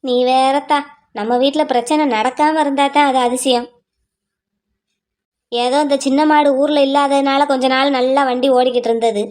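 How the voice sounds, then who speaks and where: A woman's voice: high voice, lightly acted. Woman doing a scolding village sister-in-law. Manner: scolding, exasperated, rapid lecturing. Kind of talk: cartoon voice acting.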